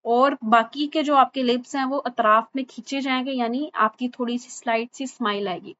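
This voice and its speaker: Woman tajweed teacher. Voice a touch high, patient, models letters slowly. Slightly muffled recording. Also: fairly even intonation, fairly bright tone, slight background noise. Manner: patient, repeats each sound slowly and checks with "thik hai?". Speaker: Quran recitation teacher. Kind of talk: online tajweed lesson. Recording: slightly dull lo-fi recording with faint ambience.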